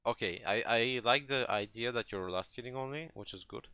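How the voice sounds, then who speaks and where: Fairly quick and mid-range in voice, a gaming coach reviews a replay with a player in an explanatory, conversational manner. His tone is bright, forceful and clean, the recording dry. He hesitates, restarts phrases, and keeps checking in with "right?"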